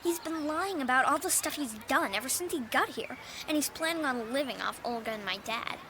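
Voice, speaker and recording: Tough sarcastic cartoon girl, high voice that swings all over, music under it. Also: lively intonation, fairly quick, noisy background. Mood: scheming. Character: bossy, scheming, sharp-tongued young girl. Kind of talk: cartoon voice acting.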